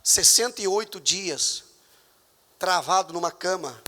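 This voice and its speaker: A man with a Brazilian Portuguese accent preaching a sermon as pastor in a church, with emphatic, sudden loud high outbursts. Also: expressive, measured pace, big-room sound. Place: church hall.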